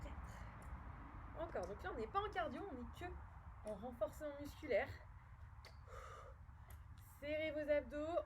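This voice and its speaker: High-voiced French woman coaching a workout. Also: expressive, moderate pace, long pauses, background noise. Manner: upbeat, encouraging, counts reps aloud. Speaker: fitness instructor. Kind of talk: home workout instruction.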